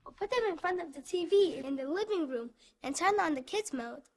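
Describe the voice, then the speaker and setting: A woman's voice: very high voice, lively intonation, brisk. An actress playing a cheeky young woman in a family in a scripted ad skit, teasing and conspiratorial. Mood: sly.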